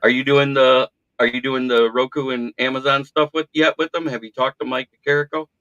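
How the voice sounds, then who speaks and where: The clip is lo-fi but has a clean tone and no room sound, captured on a podcast mic. A man with a mid-range voice hosts a casual sports podcast a little fast, a lively storyteller with a seasoned radio voice who likes to mock himself.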